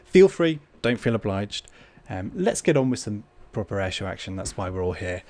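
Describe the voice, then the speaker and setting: A man's voice: fairly low pitch, sing-song, moderate pace, darkish tone. A man hosting a livestream with casual, hesitant, rambling informal chat. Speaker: livestream host.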